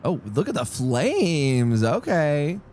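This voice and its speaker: A man's voice: on the high side, sing-song, takes it slowly, darkish tone, slight background noise. A young man rambling through casual live-stream commentary on a sim race, jokey and easily distracted. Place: home streaming setup.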